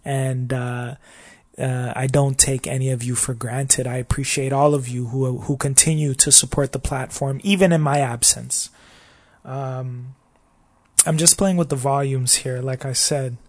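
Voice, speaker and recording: A man's voice: medium pitch, steady tone, unhurried. Rambling man hosting a solo podcast. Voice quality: slightly scratchy voice. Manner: rambling and reflective, often asking "you know what I mean?". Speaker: podcast host. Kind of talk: casual solo podcast monologue.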